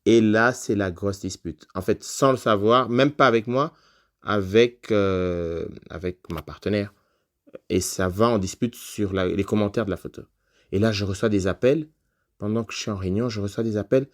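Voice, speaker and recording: A man's voice: lowish voice, moderate pace. A man, a podcast guest, telling a personal story in a casual conversational way, with loose phrasing and frequent fillers.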